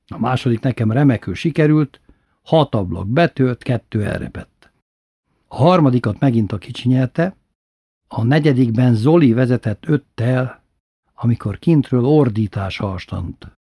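Brief: male storyteller, husky voice, lively, swooping intonation. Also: medium pitch, no echo, clean studio sound. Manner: lively, expressive reading with voiced characters. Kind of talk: reading a personal story aloud.

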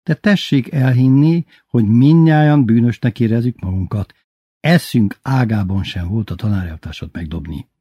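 A man's voice: mid-range voice, mellow, slightly rough, dry recording, muffled recording, natural voice. A man voicing a polite, earnest girl who is the class monitor.

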